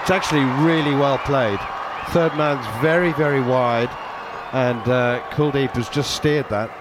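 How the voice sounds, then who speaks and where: A man's voice: mid-range voice, steady tone, a little slow, over a noisy crowd. A man doing live ball-by-ball cricket commentary for radio, describing the play as it happens. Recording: clear stadium background noise.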